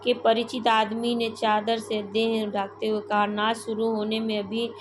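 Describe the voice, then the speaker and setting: A woman teacher reading a Hindi short story aloud for a literature class, steady, with small slips and restarts. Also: on the high side, a little slow, background noise.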